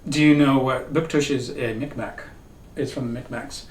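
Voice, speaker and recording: Seated at a table in a wood-panelled cabin room, a middle-aged co-host tells stories in a casual chat and laughs often. His mid-range voice stays steady at a normal speed, and the recording sounds roomy and distant with faint hiss.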